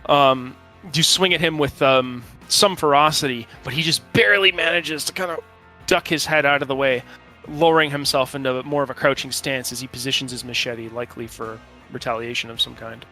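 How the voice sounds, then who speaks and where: A man with a bright voice leads a tabletop role-playing game as game master. He improvises narration and explains rules informally and haltingly, with faint music behind him. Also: medium pitch.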